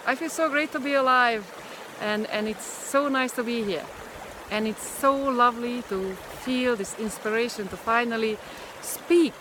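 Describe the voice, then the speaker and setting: Standing by a river, a vlogger with a Hungarian accent talks to the camera in non-native English, her voice a little high. She hesitates often, filling gaps with pauses and fillers, while rushing water sounds behind her on the arm's-length phone or camera recording.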